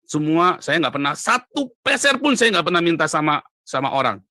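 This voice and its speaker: A man recounts his life as an evangelist in an interview, his voice bright and forceful. He leans hard on key words, his pitch and volume climbing when he presses a point. The recording is dry and close. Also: very animated, fairly quick, no room sound. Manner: emphatic, often rising sharply in pitch and loudness, addresses host as "Pak". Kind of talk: animated interview testimony. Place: Europe.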